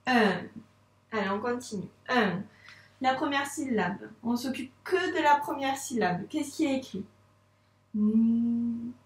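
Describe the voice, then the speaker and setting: A woman's voice: fairly high pitch, distant mic. A woman teacher, patiently sounding out letters and syllables in a reading lesson for young children. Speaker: first-grade teacher. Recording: echoey room.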